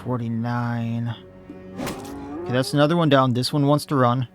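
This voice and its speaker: A man's voice: medium pitch, steady tone, measured pace, music in the background. A man, slightly losing his voice, commenting casually on his own gameplay and thinking aloud as he plays. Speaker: let's play host.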